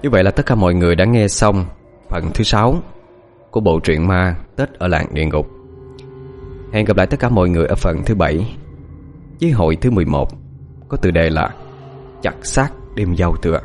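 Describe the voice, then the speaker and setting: A lowish male voice narrating a horror audiobook, with his intonation rising and falling widely for dramatic effect. Faint music plays under the reading. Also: fairly quick, long pauses. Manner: expressive, dramatic storytelling.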